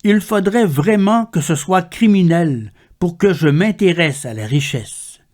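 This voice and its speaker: Slow, measured man reading poetry. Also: sits high, animated, a little mellow. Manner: measured, deliberate recitation. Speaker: poetry reader.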